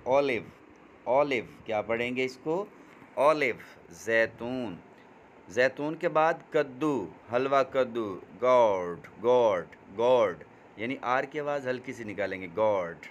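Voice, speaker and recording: Male teacher, slow call-and-answer vocabulary drill, faint hum behind. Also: mid-range voice. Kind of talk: vocabulary lesson with repetition.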